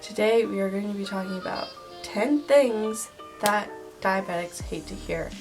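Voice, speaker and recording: A woman's voice: medium pitch, normal speed. Young woman, congested head cold, casual vlog host, sarcastic emphasis, background music. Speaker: video host. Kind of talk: casual scripted list vlog with acted skits.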